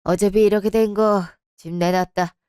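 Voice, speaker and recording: A woman voicing a resigned middle-aged father who speaks low and heavy in old-fashioned phrasing. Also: steady tone, moderate pace, darkish tone, clear, resonant tone, dry recording, studio quality, lightly acted. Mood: somber.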